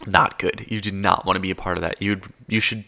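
A man's voice: low voice, fairly even intonation, a little fast, gravelly, bright, forceful tone. A man in his twenties casually retelling a war film, rambling and correcting himself as he goes. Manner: rambling, self-correcting, frank. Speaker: film recapper.

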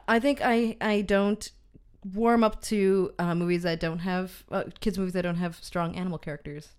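Smooth-voiced woman podcast co-host. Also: fairly low pitch, fairly even intonation, moderate pace, darkish tone. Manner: hesitant, many fillers and restarts. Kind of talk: casual film review chat.

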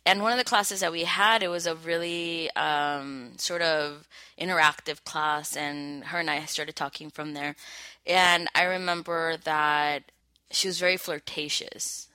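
A woman in her thirties co-hosting a casual podcast. Her voice is low but bright, and she talks in a chatty, bashful way full of fillers. The sound is dry and close. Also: fairly even intonation, unhurried, clear, resonant tone, no room sound. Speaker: podcast co-host. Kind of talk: casual chat.

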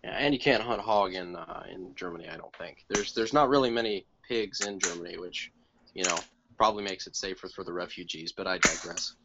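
A man's voice: low voice, a little fast. Man in lo-fi podcast chat, dry humor. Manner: rambling, dry humor, many restarts. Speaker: podcast co-host. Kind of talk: casual gun podcast chat. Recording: dull lo-fi audio with clear hiss.

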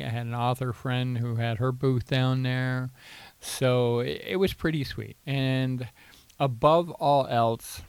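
A man hosting a casual radio-style podcast, rambling with frequent fillers and throat clearing. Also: medium pitch, dry recording. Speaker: podcast host.

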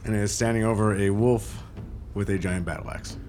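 A man's voice: on the low side, fairly even intonation, fairly quick, darkish tone, slight background noise. A man narrating and refereeing a tabletop role-playing game as game master.

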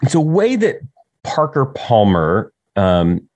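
A man giving conversational advice on teaching youth, animated and often checking in with "right?". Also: medium pitch, takes it slowly, no echo.

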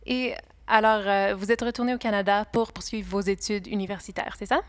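Hosting an interview, a woman introduces her guest and asks questions politely, if a little hesitantly, often pausing with fillers. Her voice is medium-pitched with fairly even intonation, and there's no echo.

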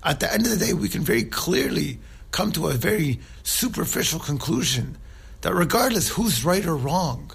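A man's voice: on the high side, very animated, moderate pace, vocal fry, a bit bright, breathy edge. A man giving an informal religious talk, earnest and conversational, who often checks in with his listeners. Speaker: Islamic speaker.

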